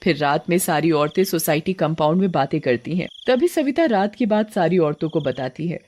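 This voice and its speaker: A woman narrating an animated horror story in a plain, steady storytelling voice. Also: low-pitched, a little fast.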